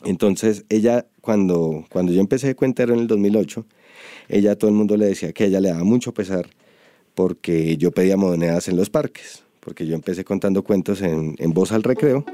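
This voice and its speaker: Earnest Colombian man, low and dark. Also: no room sound, clean studio sound. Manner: halting, earnest, searches for words. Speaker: storyteller interviewed. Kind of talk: reflective interview.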